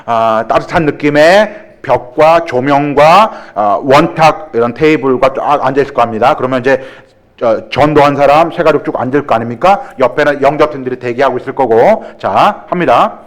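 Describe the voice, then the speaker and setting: A man preaching at a church seminar, animated and joking as he acts out greetings and dialogue. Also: mid-range voice, normal speed. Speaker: guest pastor leading a church growth seminar. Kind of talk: seminar-style sermon with acted examples and jokes. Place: church sanctuary.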